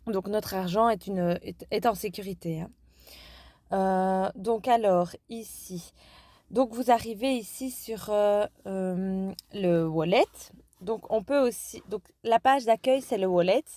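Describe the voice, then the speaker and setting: Woman showing an app, lots of euh and restarts, mellow dry voice. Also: mid-range voice, no echo. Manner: hesitant, many fillers and self-corrections. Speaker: app tutorial vlogger. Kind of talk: casual screen-recorded app walkthrough.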